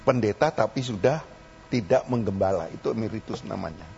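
An older pastor with a Javanese accent preaches a folksy sermon in a lowish, slightly quick voice with vocal fry and a mellow tone, mixing in local dialect and rising to fervent exhortation. Faint music sits behind this dull lo-fi recording with a faint hum.

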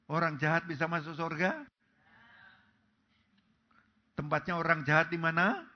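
Pastor, male, dramatic sermon delivery with big volume swings, somewhat high voice, dull recording. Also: unhurried. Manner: preaching with sweeping shifts between loud calls and soft low phrases.

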